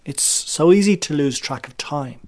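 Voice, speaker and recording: A man presenting a radio documentary, crawling down a dark underground cave passage and talking into a handheld microphone. He murmurs and sometimes whispers, and his voice has a close, boxed-in cave echo. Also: a little high, lively intonation, moderate pace. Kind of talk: hushed first-person exploration narration.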